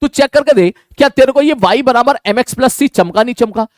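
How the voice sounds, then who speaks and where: A man's voice: very high voice, a little fast, dry recording, clean studio sound. A man teaching maths in an online lecture, talking casually and answering his own questions. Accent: Hindi.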